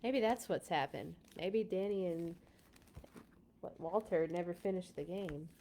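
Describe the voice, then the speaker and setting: Reading a storybook aloud for children, this woman punches key words dramatically and drops in relaxed, chatty remarks. She speaks a little slowly in a lowish, mellow voice, with slight background noise present.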